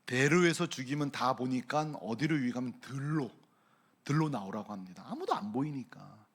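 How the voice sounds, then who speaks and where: Male pastor, preaching; animated delivery, lively pitch, asks the congregation questions. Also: normal speed, husky. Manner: animated preaching, swings from hushed to loud exclaiming. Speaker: senior pastor. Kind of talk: sermon.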